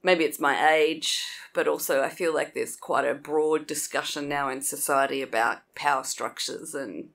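A woman co-hosting a podcast, chatting casually and replying quickly. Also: deep voice, steady tone, vocal fry, fairly bright tone. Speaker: podcast co-host. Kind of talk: casual chat.

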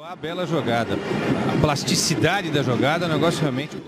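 A man's voice: fairly high pitch, a little fast. A man adding brief analysis as a football commentator during a live match. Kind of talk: match analysis alongside play-by-play. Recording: loud stadium ambience behind broadcast commentary. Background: loud stadium noise.

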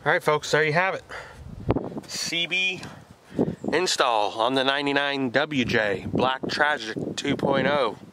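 A DIY car vlogger in his forties gives a casual, hands-on install tutorial from inside a parked car outdoors with the door open. His medium-pitched voice moves a little slowly, and the camera mic picks up a noisy background.

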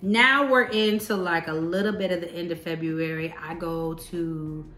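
A woman's voice: fairly low pitch, moderate pace, faint music behind. Chatty woman in her thirties, roomy echo. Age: 30s. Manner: animated, chatty, talks straight to viewers. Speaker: vlogger telling a personal story. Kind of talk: casual storytime vlog.

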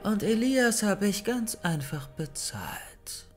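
A man's voice: a little high, expressive, normal speed, soft background music, close to an everyday voice. A man voicing a scheming young woman villain in an audiobook, cold and mocking. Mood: cold gloating. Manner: mocking, gloating.

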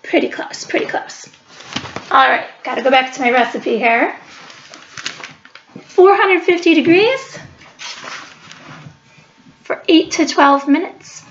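Chatty high-voiced woman in echoey kitchen. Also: slow pace, long pauses, a bit bright, slight background noise. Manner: chatty, explains each step aloud. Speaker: library cooking show host. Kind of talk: casual cooking demonstration. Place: home kitchen, indoors. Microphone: webcam across the counter. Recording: echoey kitchen, dull lo-fi webcam sound.

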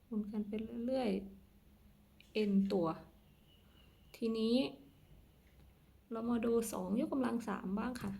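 A woman math teacher walks her students through a lesson patiently and step by step. Her voice is fairly high but mellow and dark in tone, with a gravelly edge. She closes her sentences politely. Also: takes it slowly, long pauses.

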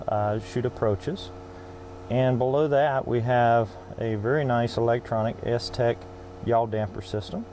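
A man's voice: medium pitch, mellow, a little hiss or hum. A middle-aged man giving a sales walkaround presentation as an aircraft salesman, speaking into a lapel mic. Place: outdoors on an airfield tarmac and inside a small plane cabin.

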